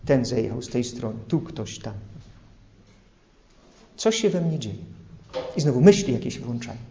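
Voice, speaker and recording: A man's voice: medium pitch, animated, normal speed, vocal fry, warm tone, muffled recording, slight background noise. A man preaching an earnest sermon, illustrating his points with everyday examples. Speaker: priest.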